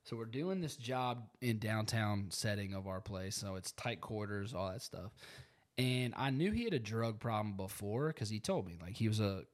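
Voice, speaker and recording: A man's voice: fairly low pitch, animated, moderate pace. Rambling male podcast host. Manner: rambling storyteller, lots of "like". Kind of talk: casual chat.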